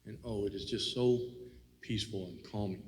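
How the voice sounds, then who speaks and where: A man's voice: lowish voice, normal speed, darkish tone, in a large hall. A man co-hosting a casual faith talk, reflective and rambling, with many "you know"s. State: has the hiccups. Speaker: co-host.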